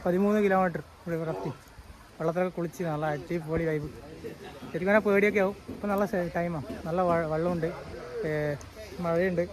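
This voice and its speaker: A man's voice: high-pitched, fairly even intonation, brisk, a crowd in the background. A male vlogger with a Malayali accent talks casually to his viewers, mixing Malayalam with English words. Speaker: vlogger, host. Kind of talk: casual vlog talk to viewers. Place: outdoors by a river. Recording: noisy outdoor vlog audio.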